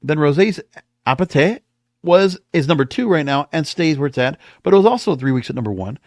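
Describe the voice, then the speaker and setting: This podcast host's voice is on the high side, animated, brisk and a little mellow, captured with clean studio sound and no room tone. He gives casual music chart commentary, thinking aloud off the cuff as he reads out figures.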